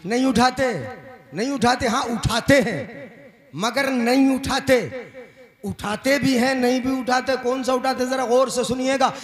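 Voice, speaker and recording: A male preacher giving a sing-song devotional sermon, often rising to shouts and quizzing his audience with questions. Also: extremely high pitch, steady tone, measured pace. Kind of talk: devotional sermon with crowd call-and-response. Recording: live gathering with loud crowd behind.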